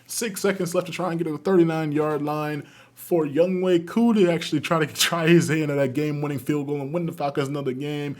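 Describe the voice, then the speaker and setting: A man doing excitable play-by-play commentary over a football video game, calling each play like a sportscaster. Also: on the high side, a little fast. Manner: excitable, calls plays like a sportscaster. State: out of breath at the end. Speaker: YouTube gaming host.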